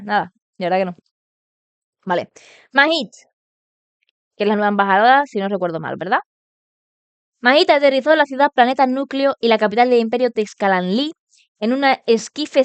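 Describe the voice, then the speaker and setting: A woman's voice: medium pitch, clear, resonant tone, dry recording. A woman with a Spain Spanish accent hosting a book club stream. She reads a novel aloud, fixes her own slips and drops into slangy asides. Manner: slangy and laughing in asides, steady when reading, corrects her own slips. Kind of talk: reading a novel aloud on a livestream, with casual asides. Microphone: streaming mic.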